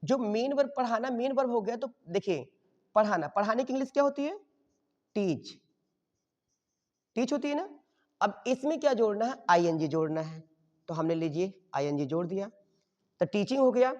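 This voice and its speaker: Lively-voiced male teacher, echoing room. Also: high voice, normal speed, long pauses. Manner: quizzes the class and answers his own questions; checks in with "okay?" after each step. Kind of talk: grammar lesson. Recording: dull muffled sound with long reverb.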